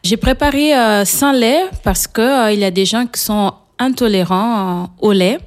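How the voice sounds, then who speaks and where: A woman from São Tomé and Príncipe with a Portuguese accent, a native Portuguese speaker, speaking French as a guest cook in a radio interview. She pauses often and fills the gaps. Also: a little high. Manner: hesitant, many pauses and fillers.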